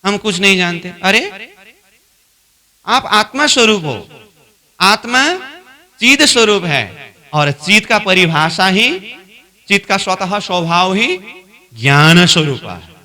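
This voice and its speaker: Slow, bright-voiced man teaching a spiritual class. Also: high voice, lively intonation. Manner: repeats points and asks the class questions; acts out both sides of a dialogue, louder as it escalates. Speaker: spiritual trainer.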